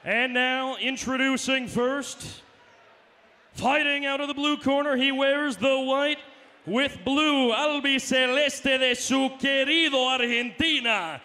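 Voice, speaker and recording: A man working as a boxing ring announcer, booming drawn-out introductions with bits of Spanish. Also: fairly even intonation, pushed and bright. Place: arena.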